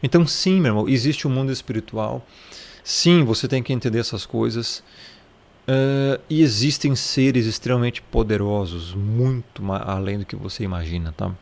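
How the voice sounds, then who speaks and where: A man's voice: mid-range voice, normal speed, creaky. A man with a Brazilian Portuguese accent giving a casual Bible study lesson. He talks in a chatty way, keeps checking in with the listener and points things out in the text as he goes. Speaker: Bible teacher.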